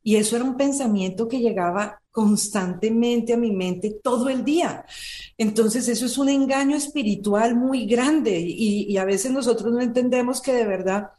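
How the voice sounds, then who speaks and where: A woman in her forties tells her personal story in an interview, earnest and emotional, circling back and repeating words. Her voice sits a little high. The room has a noticeable echo around her. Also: moderate pace, dark tone. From Colombia. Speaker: interview guest. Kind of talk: personal testimony in conversation.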